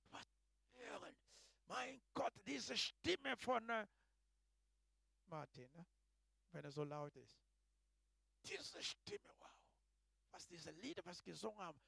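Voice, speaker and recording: A man preaching a sermon in a halting way, swinging between hushed asides and loud exclamations. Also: sits high, gravelly, breathy edge, dry recording.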